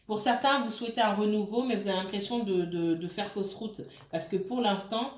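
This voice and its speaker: A woman's voice: mid-range voice, a little fast. Woman, tarot reader, casual delivery, hesitant with lots of fillers, often checks in with listeners, mid-range voice, echoey room. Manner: hesitant, with many fillers and restarts. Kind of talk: casual tarot reading to camera. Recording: roomy echo.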